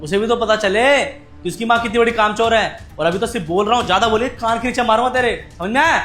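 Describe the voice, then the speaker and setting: A man playing a fast-talking, hot-tempered father. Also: high voice. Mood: angry. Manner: shouts and threatens, then speaks softly and apologetically. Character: hot-tempered husband and father who later apologizes. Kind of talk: family drama skit.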